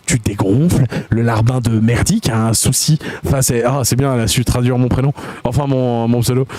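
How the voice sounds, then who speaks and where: Streamer guy reading chat, mellow dark voice, dry close sound, crude and sarcastic, lots of ums. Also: mid-range voice, fairly even intonation, a little fast, dry recording. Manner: crude, mocking and sarcastic, full of hesitations. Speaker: live streamer. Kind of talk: live stream, reading chat messages aloud.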